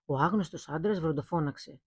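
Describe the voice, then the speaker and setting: A woman reads a fairy tale aloud at a steady, even pace. Her voice is mellow and slightly husky. The recording is close and dry. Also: low voice, no echo. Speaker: storyteller.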